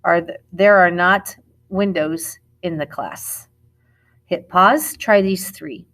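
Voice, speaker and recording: A woman's voice: lowish voice, steady tone, takes it slowly, a bit bright. A middle-aged woman as a Spanish teacher, recording a classroom lesson video, explaining step by step and correcting herself as she goes.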